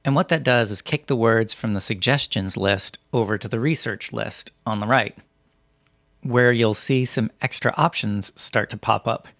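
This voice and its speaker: A man reading scripted instructional narration as a software tutorial presenter, in a methodical, step-by-step way. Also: mid-range voice, moderate pace, dry recording, studio quality.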